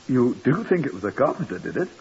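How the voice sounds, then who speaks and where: A man's voice: medium pitch, very animated, fast, slight background noise. An actor playing a brusque, flustered middle-aged male hotel manager. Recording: dull 1950s radio broadcast.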